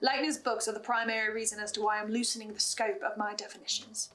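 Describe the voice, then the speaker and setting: Fast and pushed, her mid-range voice is bright but shows little pitch movement. The woman recaps a horror audio drama as host, speaking directly to the listener and laying out theories with drama and emphasis in scripted commentary with asides.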